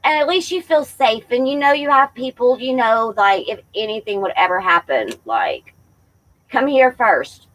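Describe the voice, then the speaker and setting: A woman in her forties, a tarot reader hosting a casual livestream, chatting warmly with viewers and calling them y'all. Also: a little high, big pitch swings, normal speed, poor audio. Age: 40s.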